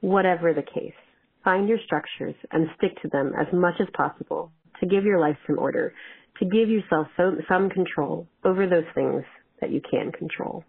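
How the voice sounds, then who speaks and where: A woman leaving a voicemail message, talking in a steady, practical way and listing tasks methodically. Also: lowish voice, normal speed, vocal fry, husky. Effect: voicemail played over the phone line. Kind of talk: prepared advice message. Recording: tinny phone-line voicemail.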